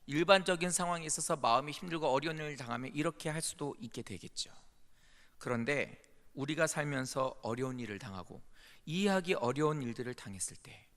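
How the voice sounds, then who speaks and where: A male pastor preaching a sermon, swinging between loud pleading outbursts and hushed whispers. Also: a little high, fairly quick. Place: church sanctuary. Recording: long church reverb.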